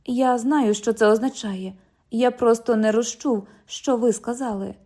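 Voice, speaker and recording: Young male cop, formal and patient, warm, fairly high voice; read by a woman narrator. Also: fairly even intonation, a little slow. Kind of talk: audiobook dialogue reading.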